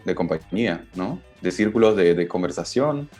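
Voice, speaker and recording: A man's voice: sits low, lively intonation, normal speed, darkish tone, faint music behind. A man from Germany with German as his first language, a podcast guest speaking thoughtfully with hesitant fillers. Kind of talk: casual conversation.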